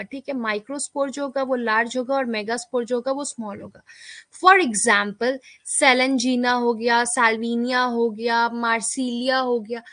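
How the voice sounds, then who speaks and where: A woman's voice: on the high side, fairly bright tone, no room sound. A woman biology teacher with an Indian English accent, giving an exam-prep lecture and explaining each term, then checking in with her students. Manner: explanatory, repeats key terms, checks in with students often.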